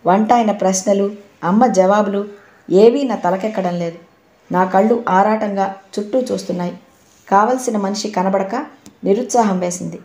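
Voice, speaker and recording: A woman reads a story aloud at a medium pitch, and her voice rings in a roomy, echoey space. She gives the characters' dialogue small shifts of voice while keeping to steady narration. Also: moderate pace. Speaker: audiobook narrator.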